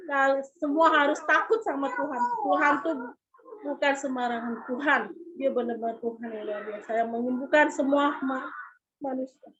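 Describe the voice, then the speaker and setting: A woman giving an earnest, halting personal testimony, repeating herself as she speaks. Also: sits high. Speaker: church member giving a testimony. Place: abroad, in China. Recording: lo-fi dull sound.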